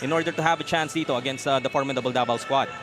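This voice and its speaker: A man's voice: mid-range voice, steady tone, racing. A man with a Filipino accent giving live basketball commentary as host, mixing two languages. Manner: switches between English and Tagalog. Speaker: play-by-play commentator and panel host. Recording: clear venue noise behind.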